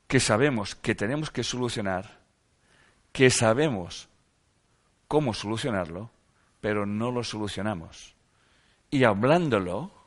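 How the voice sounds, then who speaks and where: Speaking on the low side, a man gives a reflective self-help talk. He reads passages aloud and poses rhetorical questions, repeating phrases for emphasis.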